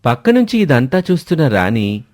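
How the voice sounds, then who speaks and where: A man narrating an animated family story in a storytelling manner. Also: medium pitch, normal speed.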